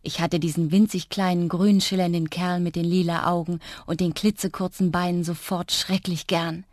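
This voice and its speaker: A woman narrating a children's audiobook expressively in the first person, often dropping to a soft hush. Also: lowish voice, flat delivery, moderate pace, no room sound, studio quality.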